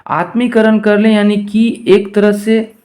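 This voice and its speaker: A man's voice: high-pitched, little pitch movement, a little mellow. Man teaching a Sanskrit exam-prep lesson. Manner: reads Sanskrit questions then explains them in Hindi, asking the class rhetorically; pace swings between slow, drawn-out words and quick runs. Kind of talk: exam-prep lesson going through multiple-choice questions.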